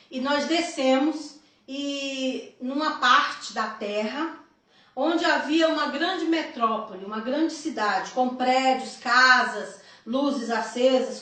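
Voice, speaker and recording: A woman's voice: high-pitched, fairly bright tone. A woman with a Brazilian Portuguese accent giving an earnest religious testimony as a missionary, addressing listeners as brothers. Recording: echoey, from far off the mic.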